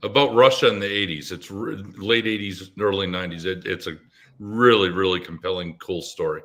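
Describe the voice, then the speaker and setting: A man speaking as a guest in a live online interview over a video call, measured and persuasive. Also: low-pitched, fairly bright tone. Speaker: guest, business advisor. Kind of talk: casual interview talk.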